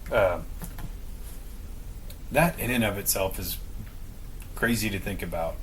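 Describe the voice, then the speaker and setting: A man's voice: lowish voice, a little slow, a bit bright, a little hiss or hum, poor audio. A man co-hosting a podcast, casually explaining a story with some swearing and speculation. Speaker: podcast co-host. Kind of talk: casual conversation.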